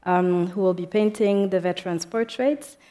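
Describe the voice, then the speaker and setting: Halting low-voiced young woman panelist. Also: fairly even intonation, dark tone. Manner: halting, many fillers and restarts. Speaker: panel speaker, diaspora organizer. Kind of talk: panel discussion remarks.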